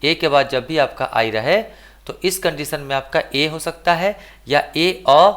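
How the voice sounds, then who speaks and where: A man with a Bihari Hindi accent teaching an English pronunciation lesson. He asks and answers his own questions, and repeats and stretches words slowly. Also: fairly high pitch, a bit bright. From India. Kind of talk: classroom lesson.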